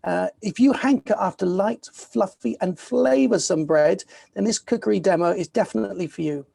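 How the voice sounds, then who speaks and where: A man's voice: high-pitched, normal speed, gravelly, warm tone, husky. A man hosting a virtual festival, introducing the next guest in an upbeat way with frequent ums and uhs. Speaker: festival host.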